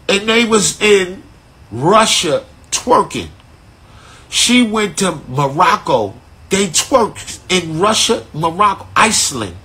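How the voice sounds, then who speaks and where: A man, telling a story in casual street slang on a live stream from his phone, animated and profane. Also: sits high, husky. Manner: animated, profane, laid-back street slang with frequent "right?". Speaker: artist hosting a live stream.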